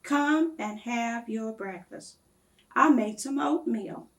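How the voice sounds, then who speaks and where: A woman voicing a caring, inquisitive storybook mother with a homely, gently chiding way of talking. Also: a little high, animated, slow pace.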